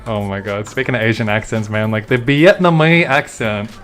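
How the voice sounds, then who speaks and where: A man's voice: fairly low pitch, moderate pace, a bit bright, soft background music. A young Australian man streaming a game, chatting casually and swearing now and then as he answers chat.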